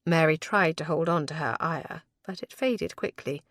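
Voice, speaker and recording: A woman narrating a historical romance audiobook in a measured, even storytelling voice on a close studio mic. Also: deep voice, no room sound.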